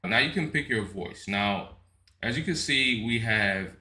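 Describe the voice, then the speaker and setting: Guy doing a laid-back tech tutorial, kinda low but punchy bright voice, lots of "right?" and restarts. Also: expressive, unhurried. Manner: chatty, frequent "right?" tags and restarts. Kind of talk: casual screen-recorded software walkthrough.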